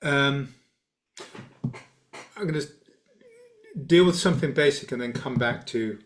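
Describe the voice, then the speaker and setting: A man who guides a meditation community, answering a question in a measured, reflective way with frequent pauses and fillers. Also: medium pitch. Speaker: guiding teacher of a meditation community. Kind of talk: dharma talk Q&A.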